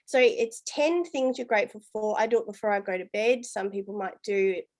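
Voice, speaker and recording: A woman's voice: mid-range voice, fairly quick. A woman leading her business team, giving a chatty, upbeat motivational talk full of "you know" and "guys". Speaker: business team leader and coach.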